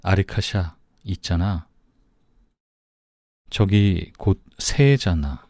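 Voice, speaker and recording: A man voicing a soft-hearted, newly engaged young man in an audiobook, speaking gently and plaintively. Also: low-pitched, animated, slow pace, dry recording, clean studio sound, heavily acted.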